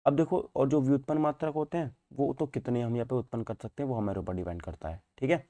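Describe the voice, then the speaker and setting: In a mid-range voice with a dark tone, a male physics teacher lectures at a quick pace, with no room sound on the recording. The informal online exam-prep session is in Hindi mixed with English terms, and he's repetitive, self-answering his questions and checking in often.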